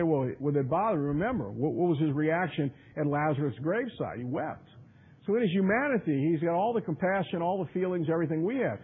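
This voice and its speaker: A man teaching a Bible study, with a slightly higher-pitched, husky voice. He moves between reading old scripture and chatting loosely about it, full of "you know" and restarts. The sound is thin and tinny, like a phone-line radio broadcast. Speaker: preacher. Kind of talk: expository Bible study sermon.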